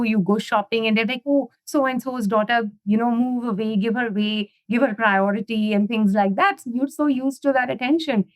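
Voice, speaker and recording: With a slightly high but darkish voice on a dry recording, a middle-aged woman from India chats as an interview guest. The conversation is casual, and she relies heavily on "you know" and "right?"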